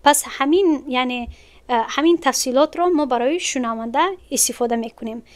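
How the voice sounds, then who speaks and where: A woman with a Tajik-accented Persian teaching an Arabic grammar lesson online, explaining patiently step by step and repeating words slowly. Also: sits high.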